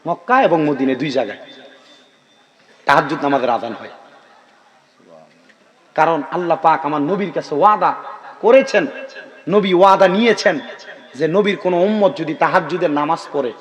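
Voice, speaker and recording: A man's voice: fairly high pitch, normal speed, long pauses. A middle-aged man preaching an Islamic sermon, bantering with the gathering and calling on them to answer back. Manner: chatty, bantering, calls out to the crowd for responses.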